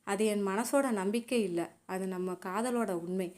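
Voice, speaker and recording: A woman narrator voicing a young woman in love, tearful but gently resolute, in a soft, emotional voice pitched slightly higher than her narration. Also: measured pace, lightly acted. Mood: tender, tearful.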